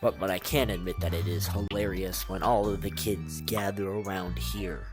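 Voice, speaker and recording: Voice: low-pitched, fairly even intonation, moderate pace, music in the background. A young adult giving a casual, exasperated rant full of rhetorical questions, slightly muffled as if speaking from inside a rubber mask. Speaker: video creator.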